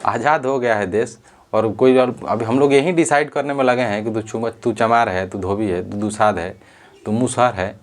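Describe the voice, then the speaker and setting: A man's voice: fairly low pitch, moderate pace. Earnest man commenting, self-correcting often. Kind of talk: spoken commentary on social issues.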